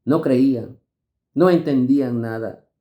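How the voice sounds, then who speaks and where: A man's voice: mid-range voice, measured pace, mellow. A man preaching as a pastor in a devotional sermon, reading scripture and urging listeners with emphatic, rising stresses. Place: church devotional service.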